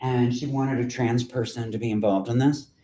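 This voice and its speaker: A man's voice: medium pitch, fairly even intonation, moderate pace, warm tone. A male-voiced poet giving a candid, chatty talk and reading poetry aloud to an audience in a lecture room. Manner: candid, blunt, chatty with asides. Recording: roomy echo from a lecture hall.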